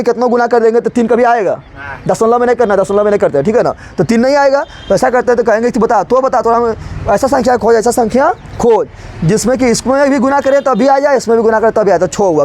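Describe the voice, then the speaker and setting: A man's voice: very high voice, fairly quick, darkish tone, a little hiss or hum. A male teacher teaching a chemistry lesson playfully, often asking a question and answering it himself.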